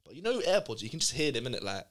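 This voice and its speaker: A man's voice: mid-range voice, very animated, very fast. A young man with a London accent chatting and telling stories in roadman slang, repeating phrases for emphasis. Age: young adult. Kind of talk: casual chat, anecdotes.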